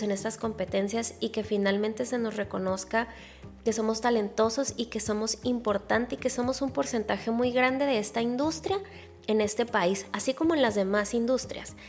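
A woman's voice: on the high side, darkish tone. A woman with a nasal, congested-sounding voice, hosting a podcast in a casual, chatty, direct way. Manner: chatty, informal, emphatic with rhetorical questions. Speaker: podcast host. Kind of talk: casual solo podcast monologue, addressing listeners directly.

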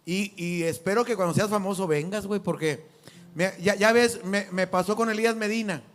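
A man with a Mexican Spanish accent hosting a casual bar chat, loud and joking with heavy slang. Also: high voice, brisk. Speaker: podcast host.

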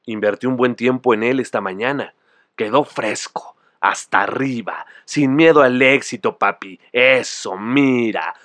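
A man's voice: medium pitch, unhurried, fairly bright tone, dry recording, clean studio sound. A man with a mid-range voice performs a comic monologue. He brags in slang while poking fun at himself. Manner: boastful, slangy, self-mocking.

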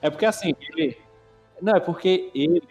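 A man's voice: sits high, brisk, creaky, long reverb tail, faint music behind. A young man with a Brazilian Portuguese accent chatting casually, telling stories with slang and swearing. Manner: slangy, swearing, animated storytelling. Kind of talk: casual chat.

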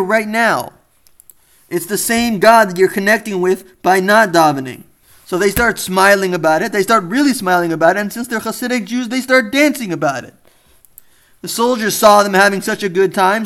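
High-voiced earnest man teaching. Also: normal speed, fairly bright tone. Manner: earnest, storytelling with acted quotes. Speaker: rabbi teacher. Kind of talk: spoken Torah lesson with storytelling.

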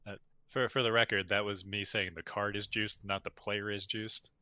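A man's voice: on the low side, little pitch movement, moderate pace, bright, forceful tone, clear, resonant tone, no room sound. A man in a casual podcast chat, joking, often stammering as he starts sentences.

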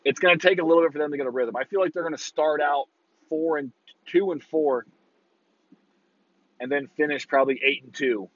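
A man's voice: on the high side, brisk, pauses often, no room sound, lo-fi sound. A man with a worn, burnt-out voice giving a casual, profane, blunt rant as a football talk host. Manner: opinionated, breaking into mocking quotes.

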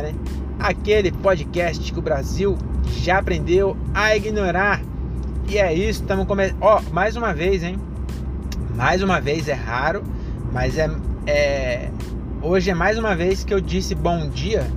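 A sleepy man with a São Paulo state accent hosts a casual solo podcast, rambling in slangy, self-deprecating jokes, recorded on a handheld phone inside a moving car. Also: high voice. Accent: São Paulo state Brazilian. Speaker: podcast host and comedian. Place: inside a car while driving.

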